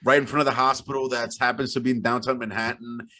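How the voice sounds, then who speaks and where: A man co-hosting a casual podcast over a video call, talking in animated slang with sudden exclamations. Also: medium pitch, fast talker. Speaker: podcast co-host.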